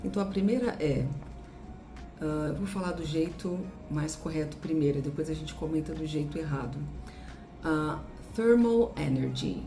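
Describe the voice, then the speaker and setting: A Brazilian woman teaching English pronunciation, drilling words with deliberate, exaggerated repetitions. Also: low voice, fairly even intonation, music in the background. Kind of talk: pronunciation lesson.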